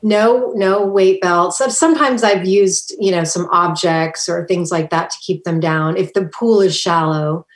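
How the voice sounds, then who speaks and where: A woman from Hawaii speaks as a podcast guest. Her voice sits a little low and is soft-spoken, and she explains things with easy fillers. The recording has a noticeable roomy echo. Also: measured pace, hardly any pauses. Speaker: guest artist. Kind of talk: conversational interview.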